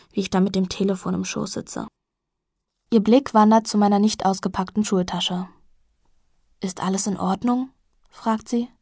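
A woman reading a novel aloud in the first person, intimate and at times softly hushed. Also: mid-range voice, no room sound, studio quality. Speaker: audiobook narrator.

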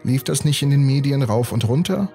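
A man voicing a gruff, sarcastic woman colleague with a blunt, mocking delivery. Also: medium pitch, lively intonation, brisk, warm tone, faint music behind, voice pushed up.

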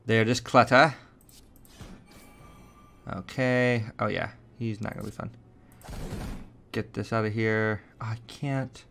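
A man's voice: fairly low pitch, fairly even intonation, unhurried, creaky, fairly bright tone, a little hiss or hum. A man hosting a gaming channel, chatting casually and thinking aloud as he plays a card game. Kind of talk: casual gameplay commentary.

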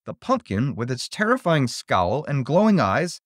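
A man reads a spooky story aloud with a theatrical flair. His pitch sits in a middle range but roams widely as he builds suspense. The sound is dry and close, with no room around it. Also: unhurried, no room sound. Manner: expressive, theatrical. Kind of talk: dramatic story reading.

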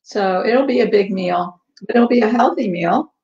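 A woman's voice: medium pitch, moderate pace, a little hiss or hum. A woman hosting a casual live cooking stream from a home kitchen, chatting with many ums and eating as she talks. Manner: relaxed, chatty, many ums, tasting and eating while talking. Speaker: cooking show host. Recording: echoey, dull livestream audio.

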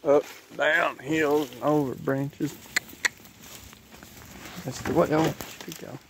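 A man's voice: on the high side, steady tone, takes it slowly. A man, chatting folksily to his horse and his viewers while riding a forest trail. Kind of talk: casual spoken vlog commentary. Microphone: head- or helmet-mounted camera mic. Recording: noisy outdoor camera audio.

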